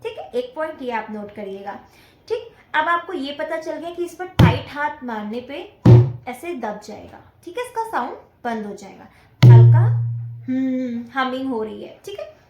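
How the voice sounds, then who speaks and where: A woman's voice: high voice, big pitch swings, unhurried, roomy sound, over loud music. A woman teaching dholak to beginners, explaining patiently step by step and counting the beats aloud as she plays. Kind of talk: casual music lesson. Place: indoor room with dholak drum playing.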